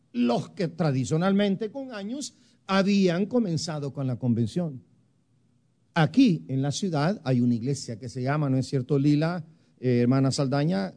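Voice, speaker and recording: A man preaching a sermon, emphatic, with big swings in pitch and loudness as he stresses points. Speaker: pastor.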